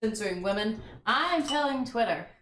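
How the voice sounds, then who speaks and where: A woman's voice: on the high side, animated, moderate pace, fairly bright tone. A woman in the room with a streamer, chatting casually and teasing him from away from the microphone. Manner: teasing, joking. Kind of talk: casual chat. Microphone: distant from the stream mic. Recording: off-mic in an echoey room.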